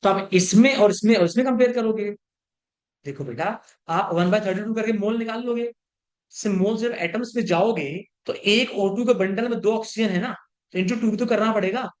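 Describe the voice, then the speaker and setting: A male chemistry teacher giving a classroom lecture. He keeps checking whether his students have understood, mixes English terms into his talk, and slows down to dictate before speeding up to explain. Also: high-pitched.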